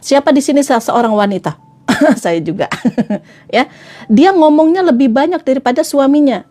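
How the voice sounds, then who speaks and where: A woman's voice: sits high, lively intonation, moderate pace, dark tone. A woman trainer giving a playful, chatty motivational talk to a live audience, acting out little scenes as she goes.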